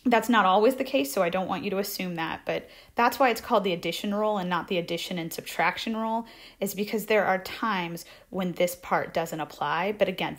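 A woman math instructor giving a conversational recorded lecture over slides, repeating key points and checking in with "right?" often. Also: lowish voice.

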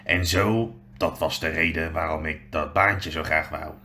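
A huge, good-natured giant played by a man reading a storybook speaks in a deep, rumbling, rough-spoken voice. Faint hum behind. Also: steady tone, measured pace, sharp tone, full character voice. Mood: rueful.

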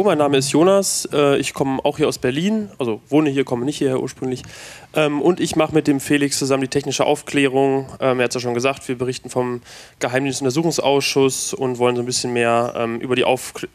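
A man introducing himself as a podcaster at a workshop in a large seminar room, earnest and using many fillers. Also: mid-range voice. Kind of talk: self-introduction.

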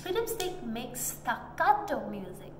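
A woman's voice: on the high side, sing-song, slow, background noise. A young woman teaching music to small children with a broad, singsong, children's-theatre delivery. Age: young adult. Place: indoor children's classroom. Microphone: camera a short distance away. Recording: echoey hall-like room, music.

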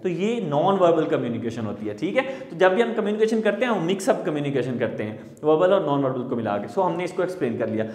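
A man's voice: on the high side, very animated, fast talker, few pauses, darkish tone. A man giving a recorded lecture, explaining points and repeating them as he checks in with the listener. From Pakistan. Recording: echoey room with long reverb.

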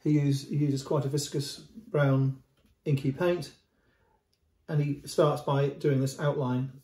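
Mellow-voiced man explaining a painting. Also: medium pitch, level tone, slow. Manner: unscripted, repeats words and restarts, gestures at the canvas. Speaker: antiques dealer. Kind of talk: casual video commentary on a painting. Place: indoor room at home. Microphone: camera at close range. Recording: roomy echo.

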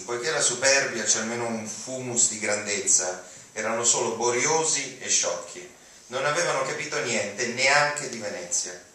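At an auditorium podium, a young reader performs a dramatic reading in a bright, forceful voice of medium pitch. The podium mic is heard from the audience, so the recording is distant and noisy in a very echoey hall.

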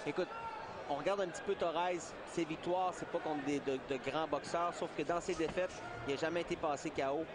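A man's voice: on the high side, steady tone, brisk, heavy background noise. A man with a Quebec French accent giving colloquial, explanatory boxing analysis as live commentary. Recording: very loud arena crowd behind. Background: arena crowd.

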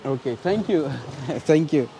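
Speaking slowly in a gravelly, animated voice on the high side, the young Nigerian vlogger narrates his trip through the airport train station and onto the train. The arm's-length action camera picks up a noisy background as he chats in a friendly way and thinks aloud to the lens.

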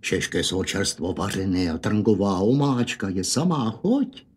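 A man voicing a doting, protective village mother with a Hanák dialect, coaxing and gentle. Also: fairly low pitch, sing-song, slightly rough, pitched below the performer's own voice.

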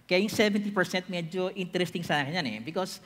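A man's voice: high-pitched, fast. A middle-aged man with a Filipino accent giving a church talk from a large stage, gesturing and putting questions to the audience. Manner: animated, gesturing, teacherly questions. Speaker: preacher. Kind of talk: church talk, mixing English and Tagalog. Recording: long reverb of a large hall.

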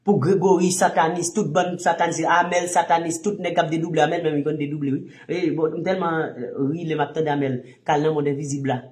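A man with a Haitian accent, a minister teaching in an impassioned sermon, firing rhetorical questions and swinging from low murmurs to shouts. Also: steady tone, fairly quick, hardly any pauses, reverberant.

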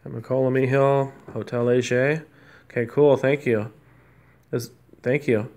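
With a steady tone and an unhurried pace, a mid-range male voice hesitantly and politely asks spirits to respond. The amateur paranormal investigator is running a session in a hotel room, and heavy noise sits over his voice.

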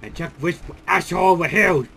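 A man doing Steve, a high creaky brash oddball. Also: normal speed, sharp tone, slight background noise, heavily acted. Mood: muttering. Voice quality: high creaky voice, cursing, third-person talk. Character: Steve, a dim hot-headed man, loud and brash. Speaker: gameplay commentator. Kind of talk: let's play commentary.

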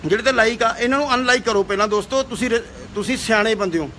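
A man's voice: sits high, fast, pushed and bright, a little hiss or hum. Heated young man ranting. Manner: heated, scolding, repeats himself. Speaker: actor and singer. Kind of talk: angry video rant.

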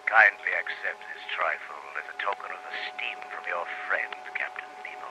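Captain Nemo, a man as a deep, commanding submariner. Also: lightly acted, rough recording. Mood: sardonic, courtly. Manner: measured, grandly formal, theatrical. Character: commanding, worldly-wise, courtly male submarine captain. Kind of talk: old-time radio drama acting. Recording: hissy old radio recording.

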